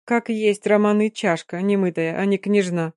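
A woman's voice: medium pitch, fairly even intonation, normal speed, darkish tone, clean tone, no echo, clean studio sound, close to an everyday voice. A woman voicing a cheeky young Roma girl who tells her story while choking back laughter, in an audiobook. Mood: amused.

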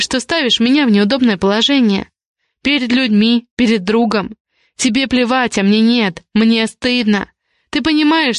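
A woman reading the lines of a defiant young woman, an indignant ward who argues with rapid questions. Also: fairly high pitch, no echo, clean studio sound, close to an everyday voice. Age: young adult.

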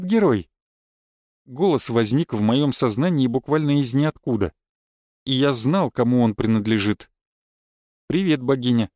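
A man narrating a first-person audiobook in a calm, cold, matter-of-fact manner. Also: medium pitch, no echo, clean studio sound.

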